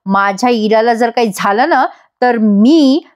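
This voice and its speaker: A woman's voice: a little high, measured pace, lightly acted. A woman voicing a furious mother who accuses and threatens a rival, as a dramatic reading of serial dialogue. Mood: accusing, threatening.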